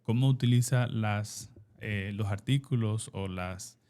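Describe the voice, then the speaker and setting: A man's voice: lowish voice, takes it slowly, mellow. A man with a Dominican Spanish accent, co-hosting an educational podcast, agreeing and then adding his own points. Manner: agreeable, adds points after brief affirmations. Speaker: co-host.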